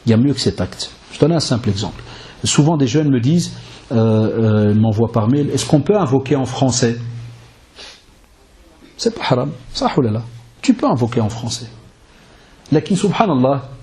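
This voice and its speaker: A male preacher giving a sermon in a lively, conversational way, full of rhetorical questions and Arabic religious phrases. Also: mid-range voice, normal speed, long pauses. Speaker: preacher and lecturer.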